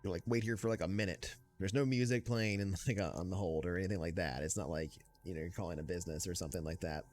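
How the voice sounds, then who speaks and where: A man narrating a tabletop game as game master, relaxed and rambling. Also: low voice, quick pace, few pauses, slight background noise.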